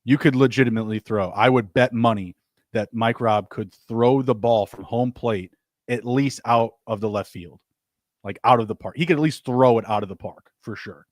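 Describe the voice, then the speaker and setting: A man's voice: mid-range voice, moderate pace, dry recording. Joking man on a dry close mic. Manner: joking, ribbing, emphatic repeats. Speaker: podcast co-host. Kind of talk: casual live-stream banter.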